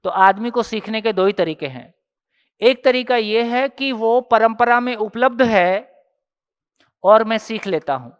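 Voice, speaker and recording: A man leads a workshop session in a casual, conversational teaching style. His voice is smooth and resonant, and he keeps pressing the audience with rhetorical questions as he walks through everyday examples. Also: high voice, fairly bright tone, long reverb tail. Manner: explains step by step with everyday examples.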